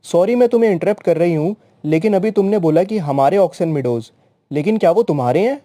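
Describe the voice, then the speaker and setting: A man's voice: sits high, expressive, brisk, mellow, dry recording. Man reading as a proud, indignant young woman. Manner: indignant, interrupting, argumentative. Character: young woman, quick-tempered, proud landowner's daughter.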